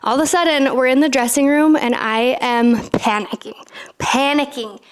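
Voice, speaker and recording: A woman in her thirties hosting a podcast, telling a personal story in an animated, chatty way full of "like" fillers. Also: sits high, normal speed, clean tone. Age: 30s. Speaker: podcast host.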